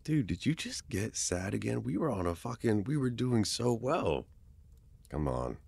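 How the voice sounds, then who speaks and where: A young man in a whispered role-play as a best friend, casual and swearing, teasing then gently comforting, close to the mic. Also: fairly low pitch, big pitch swings, unhurried, gravelly, slightly rough, dry recording. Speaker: ASMR boyfriend role-play performer.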